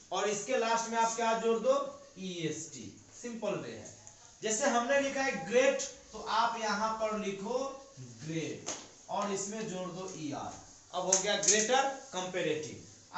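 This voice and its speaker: Male teacher, high-pitched, patient step-by-step classroom delivery, very echoey room. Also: fairly bright tone. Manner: explains step by step with questions he answers himself. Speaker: English teacher. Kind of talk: classroom grammar lesson.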